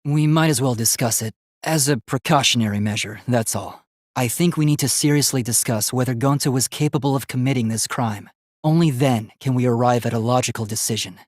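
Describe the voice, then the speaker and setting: Voicing an earnest, logical young male robot student for an English-language video game, a man speaks at medium pitch and a little fast. Lightly acted and studio quality with no echo, his formal, precise, analytical lines carry a serious, analytical mood.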